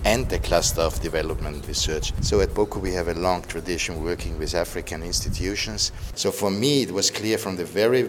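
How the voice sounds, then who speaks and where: Deep-voiced male researcher over music. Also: brisk, few pauses, background noise. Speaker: university researcher. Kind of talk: vox pop interview.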